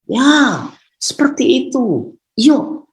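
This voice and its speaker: A man's voice: extremely high pitch, big pitch swings, very slow. A male pastor preaching a sermon, repeating key phrases and calling out to listeners to say amen. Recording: roomy echo.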